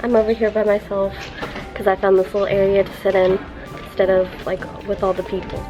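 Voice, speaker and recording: A young woman vlogging in a casual, chatty way, filling her talk with "like", her voice still rough from the morning. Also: mid-range voice, little pitch movement, a little fast, muffled recording, music in the background. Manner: chatty, many "like" fillers. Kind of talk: casual vlog chat. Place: indoors at home, then a hospital.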